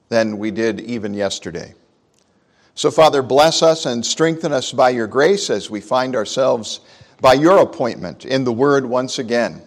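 A man preaching a sermon and leading prayer at a pulpit microphone, speaking in an unhurried, conversational way with frequent fillers. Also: mid-range voice. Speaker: pastor. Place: church sanctuary. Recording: long church reverb.

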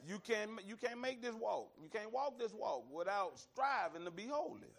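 A man's voice: high-pitched, moderate pace, creaky. A man from Alabama, preaching and teaching in a folksy, emphatic, conversational way, repeating phrases for weight. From Alabama, American South. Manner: folksy, emphatic, repeats phrases, often addresses listeners as y'all. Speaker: preacher leading a Bible study. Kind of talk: conversational sermon and Bible teaching.

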